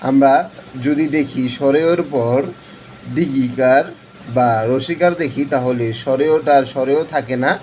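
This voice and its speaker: A man teaching pronunciation in an online lesson, slowly repeating his explanations with frequent fillers. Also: medium pitch, fairly even intonation, darkish tone, rough recording. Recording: faint background noise.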